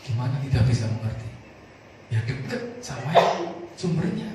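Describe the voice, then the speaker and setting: A male pastor preaching a sermon, animated and calling on the congregation to answer together. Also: medium pitch, moderate pace. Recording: echoey room, far from the mic, clear noise.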